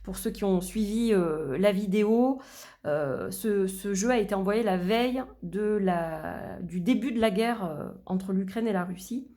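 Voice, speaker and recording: A woman's voice: medium pitch, measured pace, warm tone. A middle-aged woman vlogging in a casual, chatty way, with many fillers and restarts, her voice a little worn. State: losing her voice. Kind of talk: casual chat.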